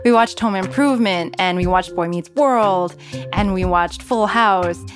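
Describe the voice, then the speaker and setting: An American woman from California's San Francisco Bay Area tells candid personal stories in a mid-range, unhurried voice. Her delivery is conversational narrative commentary with a music bed running under it.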